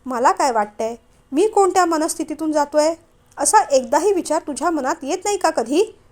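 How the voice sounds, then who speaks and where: A woman's voice: high-pitched, animated, moderate pace, a little mellow. A woman voicing a resentful young married man who feels his family favors his brother, speaking in an accusing, sulky way.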